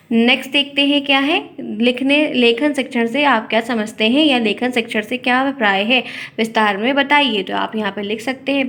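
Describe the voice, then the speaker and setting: Woman teacher, high voice, step by step. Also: fairly bright tone. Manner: explains step by step, repeats questions aloud. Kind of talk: exam-prep lesson.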